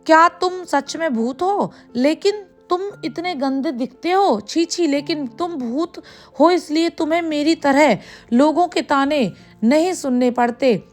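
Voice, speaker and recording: A young village woman in a storybook, emotional and pleading, with a quick temper, as a woman narrator voices her. Her voice is high, with gentle music behind.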